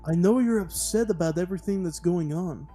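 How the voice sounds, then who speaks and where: A man's voice: sits high, fairly quick, warm tone, faint music behind, close to an everyday voice. A man doing a worried cop with a muddled accent. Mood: worried, serious. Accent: put-on muddled foreign accent. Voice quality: odd wavering put-on accent. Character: male cop Hernandez, worried and stern. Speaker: guest voicing a character. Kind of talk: amateur podcast story reading.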